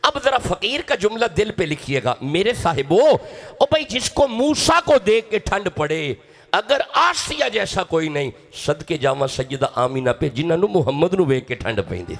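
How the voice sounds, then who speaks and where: Male preacher, Punjabi accent, emotional sermon, dramatic, very expressive pitch. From Pakistan. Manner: dramatic, exhorts the audience to respond.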